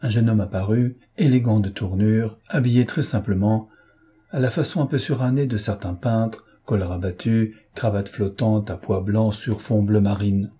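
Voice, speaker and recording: A man narrates a classic novel at a measured, steady pace, telling the story with care. His voice is low and mellow, with a slight husky grain. The delivery is controlled and even throughout. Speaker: audiobook narrator. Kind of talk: scripted narration.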